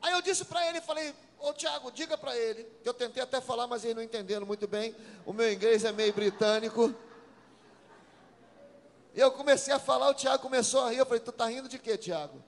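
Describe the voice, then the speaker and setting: A man preaches in a church, his voice sitting very high. He tells his story through acted dialogue, then builds to shouted calls to the congregation. Long reverb from the sanctuary trails every phrase. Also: a little fast, gravelly. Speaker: pastor. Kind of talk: sermon.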